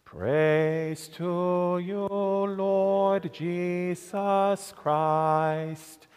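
A male priest leading Mass with measured, solemn reading and sung acclamations, his voice ringing with a cathedral echo in a large church. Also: high voice, fairly even intonation, a little mellow, clear, resonant tone. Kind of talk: liturgical reading and chanting at Mass. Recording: long church reverb.

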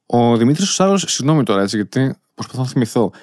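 A man's voice: medium pitch, very animated, a little mellow, no room sound, studio quality. A man hosting a casual interview, talking in loose, rambling sentences. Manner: rambling, many fillers and restarts. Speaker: podcast host.

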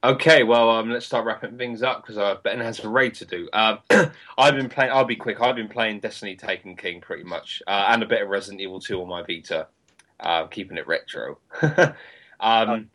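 A man's voice: lowish voice, moderate pace, fairly bright tone. A man hosting a casual podcast, speaking in a slightly lethargic, hesitant way as if his mouth is sore. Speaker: podcast host.

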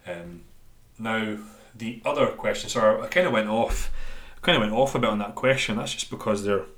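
A man's voice: fairly low pitch, moderate pace, fairly bright tone. A man with a Dundee Scottish accent talking casually and informally as a solo podcast host and coach, rambling a little and self-deprecating. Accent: Dundonian Scottish. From Scotland. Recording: roomy, echoey sound.

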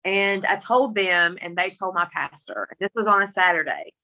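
A middle-aged woman from rural Mississippi tells her personal story as a guest with a Southern country accent, folksy, candid and emphatic. Her medium-pitched voice is bright and forceful at normal speed. The audio quality is poor.

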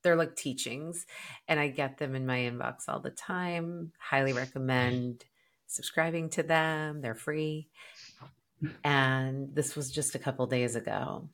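A woman's voice: extremely low pitch, unhurried. A woman co-hosting a dating podcast, reflecting in casual chat with many fillers. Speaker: podcast co-host, dating coach.

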